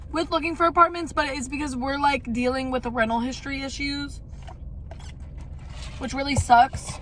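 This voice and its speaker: High-voiced young woman, casual vlog chat. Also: fairly bright tone, slight background noise. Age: young adult. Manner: candid, rambling, mild swearing. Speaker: vlogger. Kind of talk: casual chatty life-update vlog.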